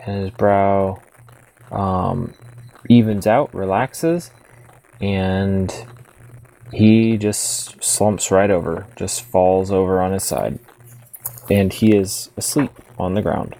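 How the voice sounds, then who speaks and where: Deep-voiced casual game master. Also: male voice, slow, creaky, pauses often, warm tone, rough recording. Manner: casual, filler-heavy narration. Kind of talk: narrating a tabletop game.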